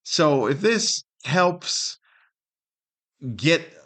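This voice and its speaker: This podcast host, a middle-aged man working alone, speaks a little high and very slowly, sounding animated and slightly bright. His take on things is funny and opinionated, delivered with grumbling disbelief and a stream of rhetorical questions.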